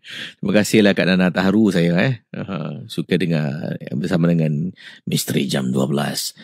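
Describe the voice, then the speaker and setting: A man hosting a radio show, reading out listener ghost stories in an animated, suspenseful way. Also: moderate pace, vocal fry, no room sound, clean studio sound. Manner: animated, with sudden rises in pitch and loudness for suspense.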